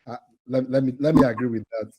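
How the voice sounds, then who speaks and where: A man's voice: medium pitch, fast talker, a little mellow, husky, low-quality recording. A man hosting a live online quiz for a training cohort over a video call, teasing the players and laughing often.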